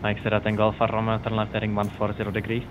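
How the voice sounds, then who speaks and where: A man working as an online air traffic controller, speaking in clipped radio phraseology with a calm, even delivery, heard as a radio transmission through a pilot's headset. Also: lowish voice, fast talker, soft background music. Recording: dull radio audio with loud noise.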